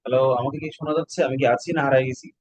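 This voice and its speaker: A man's voice: medium pitch, flat delivery, rapid-fire, darkish tone, slightly rough, no room sound, low-quality recording. A Bangladeshi man teaching an online exam-prep class, explaining step by step and quizzing his students with questions.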